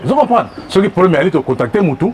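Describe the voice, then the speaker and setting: A man's voice: sits high, sing-song, racing, darkish tone. A man who leads a community of customary chiefs answers interview questions, speaking emphatically and checking often that he is understood. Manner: emphatic, often repeats "vous comprenez?". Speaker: president of a traditional chiefs' community.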